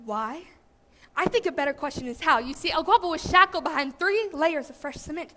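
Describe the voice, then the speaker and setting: An actress playing a defiant, ambitious police commander in a stage musical. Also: female voice, high-pitched, animated, fairly quick. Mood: cool. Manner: defiant, sharp.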